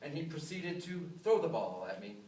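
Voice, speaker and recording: An American man delivering a memorized humorous speech to an audience, with deliberate pauses and self-deprecating punchlines. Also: on the high side, very animated, warm tone. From upstate New York, USA. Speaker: contestant giving a humorous club speech. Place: live speech in a room. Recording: roomy, distant mic, some noise.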